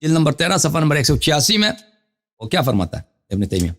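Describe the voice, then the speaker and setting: A man's voice: on the high side, sing-song. A man hosting a live call-in show, reading Arabic citations and explaining them at length, with questions for the caller. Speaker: Shia cleric host of a live call-in show. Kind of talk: scholarly lecture reading Arabic sources.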